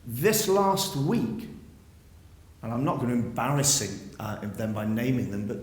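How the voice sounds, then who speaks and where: A man's voice: medium pitch, unhurried, darkish tone. A man, a school headmaster, giving an earnest, persuasive speech to pupils at an assembly, using rhetorical questions. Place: school hall. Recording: echoey hall.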